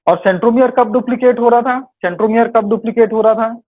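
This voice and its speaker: High-voiced man teaching biology. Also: fast. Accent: Hindi-English code-mixing. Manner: walks through quiz answers, corrects himself, calls students "beta". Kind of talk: live online exam-prep class. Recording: tinny phone-like online class audio.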